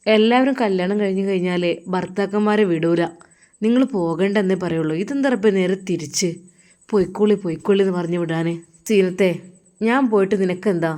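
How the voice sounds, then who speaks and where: A woman voicing a young male madrasa teacher with a Malappuram accent, who talks calmly and asks plain questions. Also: medium pitch, a little fast, close to an everyday voice. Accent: Malappuram Malayalam.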